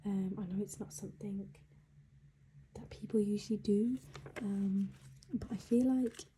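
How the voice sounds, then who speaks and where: A young British woman speaking quietly, largely whispering as if others are asleep, chatting casually as a budgeting vlogger. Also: medium pitch, a little hiss or hum, poor audio. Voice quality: soft, breathy, largely whispered. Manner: hushed, quiet early-morning voice so as not to wake others. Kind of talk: casual chat while counting cash. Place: indoors at home.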